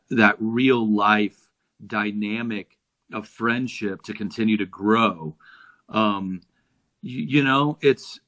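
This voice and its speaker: A man with a mid-range voice, guesting on an interview about his jazz band. He speaks earnestly and turns animated when telling road stories. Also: medium pitch. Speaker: touring jazz musician, guest. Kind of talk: casual interview.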